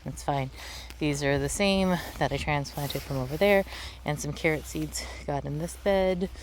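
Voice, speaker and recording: A woman giving a casual, rambling garden tour in an offhand, self-deprecating way, recorded outdoors with a tractor rumbling behind her. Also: normal speed. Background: tractor rumbling, vehicle noise.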